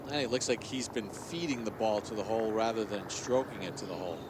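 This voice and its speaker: A man's voice: fairly low pitch, quick pace. A man working as a golf commentator, calling live play-by-play with outdoor ambience behind him. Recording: clear outdoor ambient noise.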